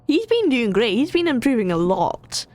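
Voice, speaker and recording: A woman's voice: a little high, big pitch swings, moderate pace, darkish tone. A woman casually chatting as she plays a game, playful and cheering the characters on like a streamer. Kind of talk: casual chat reacting to a game.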